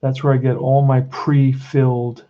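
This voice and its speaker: A man's voice: mid-range voice, little pitch movement, measured pace, dark tone, muffled recording. A man in his sixties with a Queens, New York accent, chatting casually and bluntly in an off-the-cuff hobby tutorial. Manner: blunt, plain-spoken, addresses listener as "man". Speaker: tabletop baseball hobbyist giving a tutorial.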